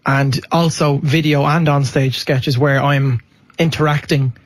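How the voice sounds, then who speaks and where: A man's voice: a little high, flat delivery, dry recording. Chatty man, dry studio sound. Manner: eager, chatty, quick to laugh. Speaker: impressionist guest. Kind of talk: radio interview chat.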